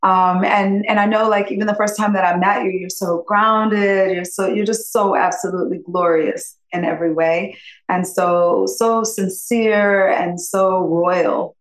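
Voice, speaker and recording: A woman in her fifties from upstate New York, with a lowish voice, guests on a podcast for a casual interview, rambling effusively and laughing often. The audio is poor and the room echoes.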